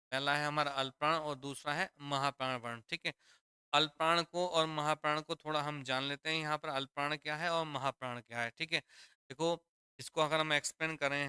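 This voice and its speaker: A man's voice: a little high, sharp tone, clean tone, dry recording, studio quality. A man teaching a grammar lesson, repeating each point and quizzing his students with questions, calling them children. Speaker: Hindi teacher.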